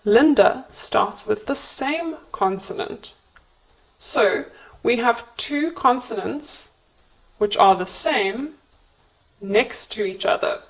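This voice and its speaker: A woman with a British accent teaching English pronunciation in a careful, clearly enunciated scripted lesson. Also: a little high, expressive, slow, low-quality recording.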